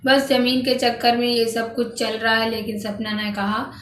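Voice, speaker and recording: A woman's voice: on the high side, little pitch movement, moderate pace, a bit bright. A woman vlogger narrating family gossip in a casual, chatty way to her viewers, often saying "guys" and restarting her sentences. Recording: echoey room, distant mic, faint background noise.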